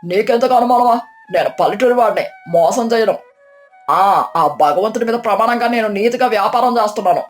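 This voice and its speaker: A woman voicing a cheating middle-aged male village milk trader who blusters and stammers, with a lower, somewhat different tone. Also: lively intonation, a little fast, faint music behind, lightly acted. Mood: blustering. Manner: blustering, then stammering and flustered.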